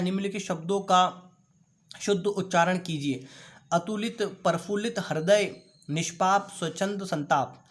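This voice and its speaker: A man teaching an online class, slowly reading out and explaining textbook answers. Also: high-pitched. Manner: carefully repeats words for pronunciation drill.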